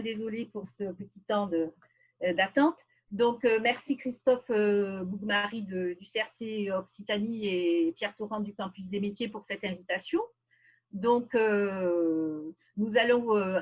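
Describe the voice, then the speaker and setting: A woman speaking on a video call, presenting a webinar in a measured, explanatory lecture style with frequent pauses. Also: mid-range voice, muffled recording.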